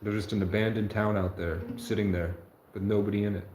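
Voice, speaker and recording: In an echoey room with a little background noise, a male livestreamer in his twenties talks fairly quickly in a meandering, earnest monologue, often pausing to fix what he just said. The voice is lowish, slightly mellow and flatly delivered.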